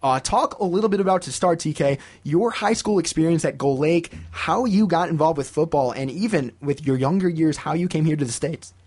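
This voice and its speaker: A man's voice: fairly high pitch, fairly quick, few pauses, a little mellow, slightly rough. A man hosting a sports radio talk show from the studio, asking long, rambling questions.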